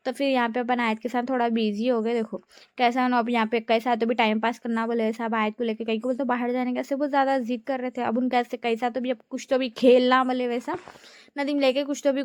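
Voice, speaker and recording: A woman's voice: fairly high pitch, level tone, fast talker, dry recording, clean studio sound. A young woman narrating her family vlog in a chatty, giggly way. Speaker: family vlogger. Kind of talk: casual vlog voice-over.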